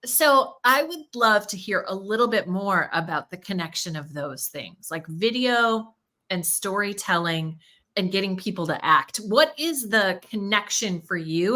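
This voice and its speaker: A woman's voice: mid-range voice, bright, forceful tone. A woman hosting a live podcast interview, enthusiastic and playful, asking open questions. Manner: enthusiastic, playful, quick exclamations. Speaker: podcast host.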